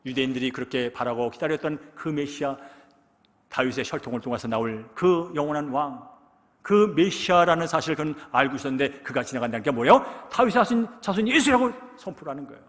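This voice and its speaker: Male pastor giving a dramatic sermon to his congregation, somewhat high voice, echoing sanctuary. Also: lively intonation, fast. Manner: dramatic, acts out quoted cries in loud bursts, asks the congregation questions. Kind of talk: Sunday sermon. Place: church sanctuary.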